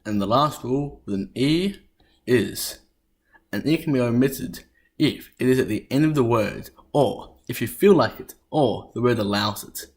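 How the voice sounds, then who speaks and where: A man presenting a history lesson as scripted narration, spelling out sounds deliberately with occasional stumbles. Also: mid-range voice, darkish tone.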